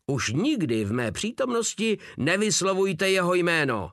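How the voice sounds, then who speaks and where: A man's voice: high voice, very animated, a bit bright, dry recording, clean studio sound, voice pushed up, full character voice. A man voicing a pompous Prussian army captain who shrieks orders and loses his temper. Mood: seething. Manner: shrieking, losing control.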